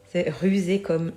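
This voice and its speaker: Woman, middle-aged, chatty, slow-talking, addresses viewers often, soft music underneath. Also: lowish voice. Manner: chatty, keeps addressing viewers, many fillers. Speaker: oracle card reader. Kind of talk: casual video chat about oracle cards.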